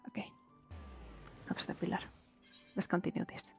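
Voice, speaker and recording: A chatty woman streamer whose first language is Valencian/Catalan talks slowly in a darkish tone while gaming, laughing easily and reading game text aloud. The stream audio is slightly dull and lo-fi, with faint game music behind her.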